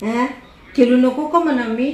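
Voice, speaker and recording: A woman's voice: high voice, measured pace, a little mellow. Older woman in baby talk, echoey room. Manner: teasing, playful baby talk with frequent laughs. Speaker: grandmother. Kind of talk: casual family chat. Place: indoors at home. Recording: echoey room with faint noise.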